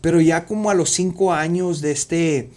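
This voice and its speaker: A man in his forties giving an earnest, halting personal faith testimony as a podcast guest, with frequent fillers. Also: a little high, darkish tone. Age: 40s. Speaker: podcast guest, youth minister.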